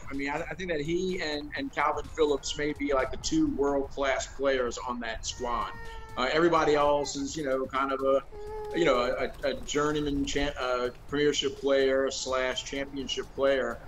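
A man's voice: mid-range voice, steady tone, normal speed, background noise. A middle-aged man giving casual football analysis over a video call from a room at home, thoughtful and hedging with lots of fillers. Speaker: co-host analyst. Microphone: video call webcam.

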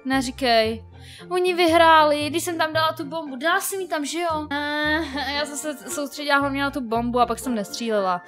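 A young woman with a high voice chatters through a shooter game, flustered and excitable, her throat a little sore from yelling. Faint music plays underneath her talk. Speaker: gaming YouTuber. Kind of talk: casual gameplay commentary.

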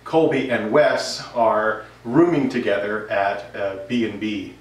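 A woodworking vlog host in his thirties takes it slowly as he rambles conversationally to camera, with a lowish voice and a steady tone. He's indoors in his home workshop, and the recording is distant, roomy and noisy.

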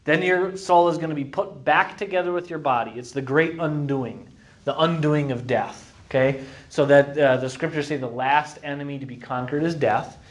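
A man teaching a church Bible class, reading scripture slowly and with emphasis, then explaining it with lively rhetorical questions. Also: a little high.

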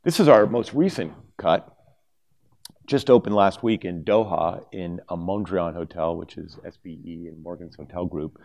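A middle-aged man speaks from a lectern on a conference stage, talking through his slides in a relaxed, unscripted way. His voice sits very low, and he often restarts his sentences with filler words. He is picked up by a small lapel mic. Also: moderate pace, vocal fry. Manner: conversational, with many fillers and restarts. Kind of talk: conference presentation.

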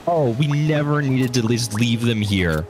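A man's voice: medium pitch, expressive, unhurried, over loud music. A man playing a co-op game with a friend, joking and teasing in casual chat. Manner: jokey, playful teasing. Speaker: co-op gaming partner.

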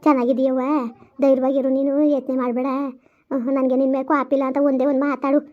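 Actress as village granny, high, fast, coaxing and bossy, lo-fi amateur drama. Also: female voice, little pitch movement, natural voice. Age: older. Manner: coaxing, scolding gently, repeats herself. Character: older village grandmother, soothing, gossipy, bossy. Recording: lo-fi dull recording.

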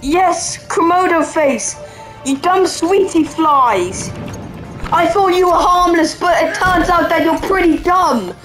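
A young woman doing excitable, playful let's-play commentary, taunting the enemies she fights. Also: very high voice, slow, rough recording. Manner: excitable, playful trash-talk at game enemies. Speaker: gaming YouTuber. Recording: game music playing behind. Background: game music.

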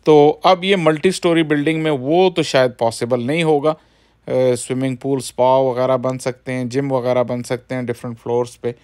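A man's voice: mid-range voice, steady tone, moderate pace, darkish tone. Man narrating a casual vlog. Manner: conversational, explanatory, frequent filler phrases. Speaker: cricket vlogger.

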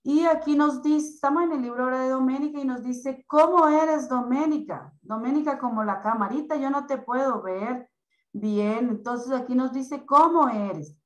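A woman teaching young children in an online class, explaining slowly and patiently. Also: high voice, darkish tone, reverberant, low-quality recording. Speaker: primary school teacher.

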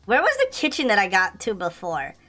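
A woman streaming a horror game, playfully scared and excitable, slangy, repeating her phrases as she comments on the play. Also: mid-range voice, fairly quick, soft background music. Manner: scared horror game streamer, shrieking and pleading in mock fright.

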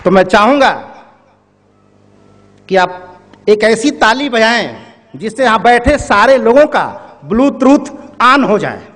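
Male public speaker, high-pitched, storytelling, addresses the crowd directly, reverberant hall. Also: lively intonation, takes it slowly, long pauses, fairly bright tone. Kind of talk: motivational speech with a parable. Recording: echoey hall.

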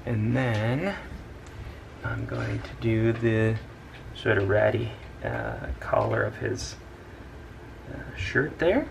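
A man, a dad, casually talking through a drawing step by step in an unhurried way. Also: fairly low pitch, big pitch swings, creaky, background noise. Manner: unhurried, talks through each stroke. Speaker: dad drawing on a family channel. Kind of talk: casual drawing tutorial narration.

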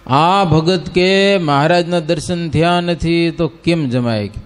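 A man telling a devotional story in a folksy, animated way, often turning to listeners and breaking into sung verse. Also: a little high, slow pace, clean tone. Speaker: religious storyteller.

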